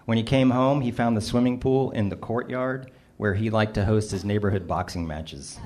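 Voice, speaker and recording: A middle-aged man with a slightly low voice tells a funny story about himself. His delivery is dry and wry, and he mocks himself as he reads his own essay. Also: fairly even intonation, moderate pace, a little mellow. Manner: dry, self-mocking delivery with small laughs. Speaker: narrator reading his personal essay. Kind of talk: first-person storytelling, wry and humorous.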